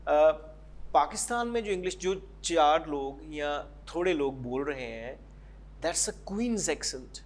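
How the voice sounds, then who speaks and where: A man's voice: fairly high pitch, lively intonation. A man with a Pakistani accent, speaking in a slightly raised register. He answers as a guest teacher, explaining at length and switching into English phrases mid-sentence. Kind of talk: interview answers.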